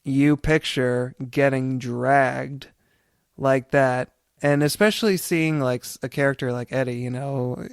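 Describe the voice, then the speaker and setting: Male podcast co-host, mid-pitched and smooth, reflective and rambling. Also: steady tone, unhurried, no room sound, clean studio sound. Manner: reflective, meandering storytelling. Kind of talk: casual podcast chat.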